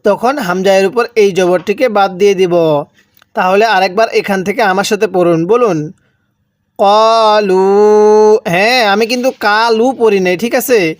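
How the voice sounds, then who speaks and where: A man teaching Quran reading in Bengali with a Bangladeshi accent, spelling out words slowly and asking and answering his own questions. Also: high voice, dry recording, clean studio sound. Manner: drills syllable by syllable, asks and answers own questions. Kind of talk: slow spelled-out recitation lesson.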